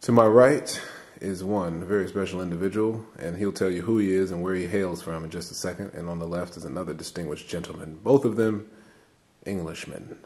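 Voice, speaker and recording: A man's voice: deep voice, steady tone, a little fast, mellow. A man hosting a casual interview, playful and laid-back as he introduces his guests. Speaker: interviewer, host.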